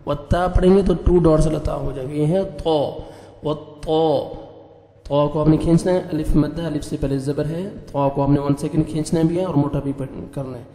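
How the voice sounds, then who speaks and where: A man teaching Quran recitation, spelling out letters and vowel marks, then chanting the words slowly and melodically with quick explanations in between. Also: a little high, fairly even intonation, mellow, roomy sound, in a large hall, rough recording. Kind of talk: spelling out and reciting verses with tajweed rules.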